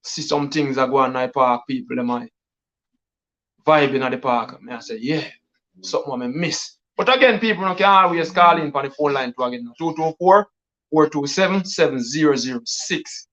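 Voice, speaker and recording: A man with a Jamaican accent hosting a casual live stream as a DJ. He speaks in a patois-laced, repetitive hype style full of shout-outs. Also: medium pitch, fairly quick. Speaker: DJ and livestream host. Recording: dull lo-fi stream audio.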